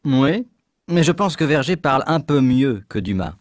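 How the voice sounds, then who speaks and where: Man in a dry, measured textbook dialogue. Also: mid-range voice, sing-song, no room sound. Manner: clear, measured reading. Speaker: dialogue actor as hiring manager.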